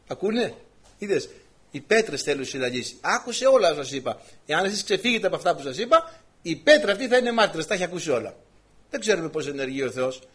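A man's voice: sits high, husky. A man preaching a sermon, retelling scripture stories with voiced quotes and direct questions to the congregation. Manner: animated storytelling with voiced quotes.

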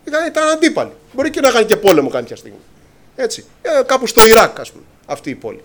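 A man's voice: extremely high pitch, huge pitch swings. A man preaching a sermon to his congregation, impassioned, often calling them brothers and acting out scripture dialogue.

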